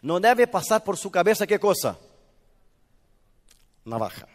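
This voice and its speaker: Lively high-voiced male preacher in a hall. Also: a little slow. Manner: lively, asks the audience questions, acts out little scenes. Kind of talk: sermon. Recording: reverberant hall.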